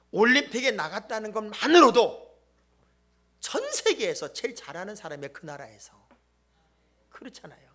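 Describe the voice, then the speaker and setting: A male pastor delivers a lively sermon in a bright, high voice that leaps up and down in pitch. He jokes with the congregation, booms out his key points and drops to near-whispers for asides. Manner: animated, joking and emphatic, swings between loud exclamations and hushed asides. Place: church sanctuary.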